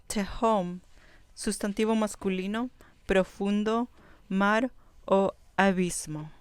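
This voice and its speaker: A woman teaching a vocabulary lesson at an unhurried pace, repeating each term slowly before she defines it. Her voice is very clear and smooth. The sound is dry and close, with no room echo. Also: mid-range voice, a little mellow. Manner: slow, careful, repeats each word. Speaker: Biblical Hebrew teacher.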